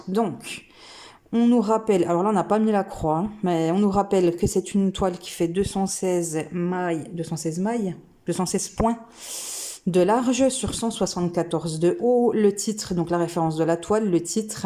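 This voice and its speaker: A woman with a mid-range, dark-toned voice hosts a craft video, enthusiastically unboxing cross-stitch kits and chatting to camera. She thinks aloud with lots of hesitation, and slight background noise is audible.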